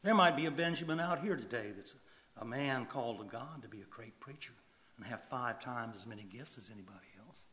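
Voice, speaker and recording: A man preaching a sermon in an animated way, swinging from loud emphasis to quiet asides. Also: mid-range voice, fairly quick. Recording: long hall reverb.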